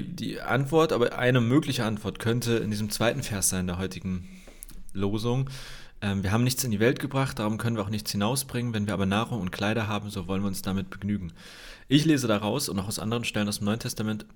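Hosting a casual daily Bible livestream, a man with a fairly low, slightly nasal voice from a cold rambles loosely, full of fillers and restarts. He reads Bible verses aloud to his viewers.

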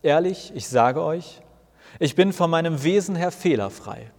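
A calm, knowingly smiling Jesus, patient as he explains, read by a man. The voice sits somewhat high for a man. A long reverb trails behind every phrase of this storybook tale. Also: a little slow. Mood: patient explaining.

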